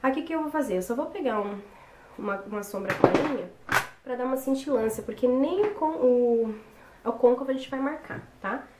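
A young woman, hoarse from a cold, chatting casually through a makeup tutorial. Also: high-pitched, a little fast. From Brazil. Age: young adult. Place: small bedroom, indoors. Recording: roomy echo with background noise.

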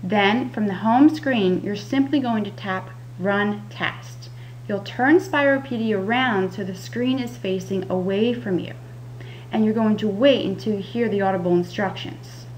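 A woman's voice: mid-range voice, measured pace, a little mellow. Woman narrating instructions, noisy recording. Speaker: patient education specialist, instructor. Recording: audible background noise with hum.

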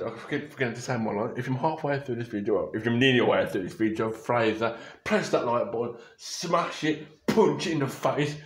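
A young adult man with a medium-pitched voice casually rambles about photos for his vlog, repeatedly starting over and correcting himself. He's captured at close range by a webcam or phone camera in a small bedroom with an echo.

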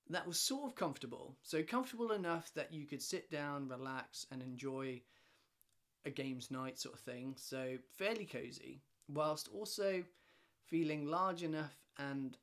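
A man in his thirties speaks to a camera set up in a homely living room, explaining his firm's work in a loose, conversational way. He often backtracks and restarts, filling gaps with small hesitations, and his voice sits at an ordinary middle pitch. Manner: chatty, rambling with many restarts and fillers, gestures a lot. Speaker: lighting design company director. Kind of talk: casual talking-head explainer. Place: home living room with shelves and a stove. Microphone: camera in front, head and shoulders framing.

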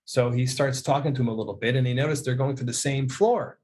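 Speaking fast at a medium pitch, with slight background noise, this middle-aged man from Canada is a guest on a video call from an indoor room. The music producer and audio mixer spins casual stories, performing the dialogue in an animated way.

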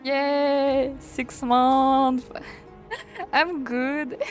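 A woman streamer from France reads a game's story aloud and reacts to it. She talks slowly in a fairly high voice, gasping and laughing often. Faint game music plays behind her. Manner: excitable, gasps and laughs often. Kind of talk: live game commentary and reading story text aloud.

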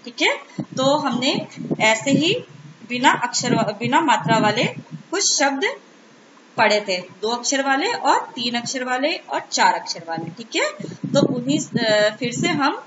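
A woman teacher leading a children's Hindi reading lesson, sounding out words slowly and answering her own questions. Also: high-pitched, very animated. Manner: slow, sing-song syllable-by-syllable reading with question-and-answer prompts. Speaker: primary school Hindi teacher. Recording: roomy, dull-sounding recording with noise.

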